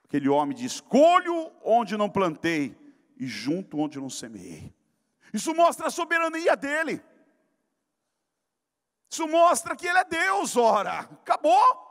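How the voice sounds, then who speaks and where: A man from Brazil, a pastor preaching a sermon, telling a story and then rising into shouted exhortation. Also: very high voice, huge pitch swings, measured pace, long pauses, big-room sound. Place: church sanctuary.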